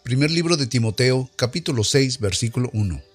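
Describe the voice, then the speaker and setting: A man's voice: mid-range voice, lively intonation, fairly quick, husky. Man solemnly reading scripture over faint music. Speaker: scripture reader.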